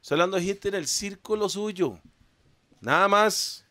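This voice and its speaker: A man's voice: sits high, measured pace, pushed and bright, no room sound. A man whose first language is English, talking Spanish as a rapper guest in a casual podcast chat, teasing and repeating himself to keep the floor.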